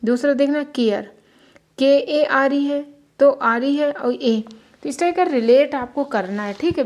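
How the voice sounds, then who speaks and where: A woman teaches a slow beginner phonics lesson. She spells words out letter by letter in a patient, repetitive way. Her voice sits a little high for a woman. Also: a little mellow. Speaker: English teacher.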